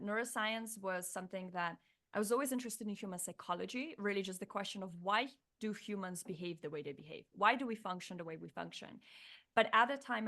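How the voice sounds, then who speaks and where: A woman in her thirties from Slovenia, a Slovenian native speaker, guest on an interview, talking in a reflective, animated way with many restarts. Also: medium pitch, gravelly. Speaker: guest, neuroscientist turned coach. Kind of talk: casual interview chat.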